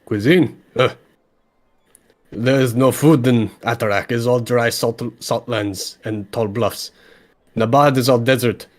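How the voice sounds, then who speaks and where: A man's voice: medium pitch, a little slow, close to an everyday voice. A man voicing a small, pushy male rabbit contractor who speaks in broken English with hustling sales patter. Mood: amused.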